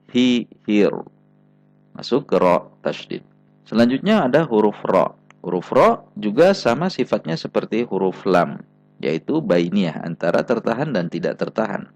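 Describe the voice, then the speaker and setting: A man's voice: on the low side, a little mellow, dry recording. A man with an Indonesian accent teaching Quran recitation, patiently repeating example sounds with careful stress. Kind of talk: slow spelled-out recitation lesson.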